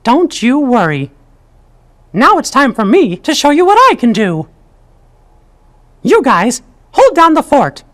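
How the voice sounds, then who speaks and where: An actor voicing a small, brave, kindly mouse king in a cartoon video game, squeaky falsetto, reassuring and resolute. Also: big pitch swings, measured pace, long pauses.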